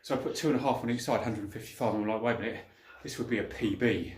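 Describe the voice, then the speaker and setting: A man's voice: mid-range voice, rapid-fire. A man talking casually and colloquially to viewers between sets of lifting weights, as a fitness vlogger. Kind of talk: casual training vlog talk between sets. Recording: echoey room.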